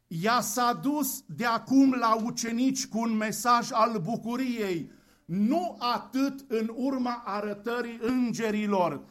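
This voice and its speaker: A man preaching an Easter sermon, with a fervent, repetitive cadence and slow, deliberate emphasis on key phrases. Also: extremely high pitch, fairly bright tone.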